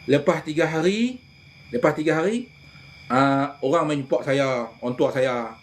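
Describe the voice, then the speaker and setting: Man, casual storytelling, animated, fairly high voice. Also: moderate pace, slight background noise. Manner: animated storyteller, addresses listeners as tuan-tuan, often laughs. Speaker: religious healer telling stories.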